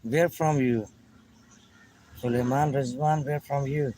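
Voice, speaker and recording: Slow-talking Pakistani man greeting viewers. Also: mid-range voice, fairly even intonation, mellow, slight background noise. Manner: halting simple English, greets viewers by name. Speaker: vlogger chatting with viewers. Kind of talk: casual live chat.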